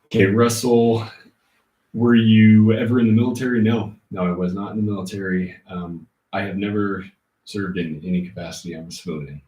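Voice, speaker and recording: Low-voiced man livestreaming in an echoey room. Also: steady tone, dark tone. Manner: informal, thinking aloud, halting. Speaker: livestream host. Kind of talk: casual livestream chat, answering viewer comments. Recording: roomy, muffled, distant laptop-like mic.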